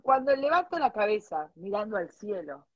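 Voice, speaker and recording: A woman's voice: medium pitch, big pitch swings, moderate pace, no echo, lo-fi sound. A woman with an Argentine Spanish accent co-hosting a casual live stream, reading out listener stories with crude, mocking asides.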